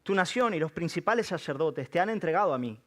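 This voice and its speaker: A man's voice: on the high side, expressive, fast talker, a bit bright. A man voicing an exasperated Roman governor, raising his voice as he questions. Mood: pressing.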